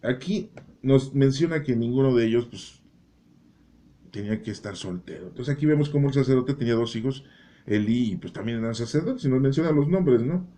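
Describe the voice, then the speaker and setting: A Bible teacher explains a chapter of scripture in a folksy, joking manner, often tagging his remarks with a rhetorical "¿no?". His medium-pitched voice is expressive and warm, and he talks a little fast.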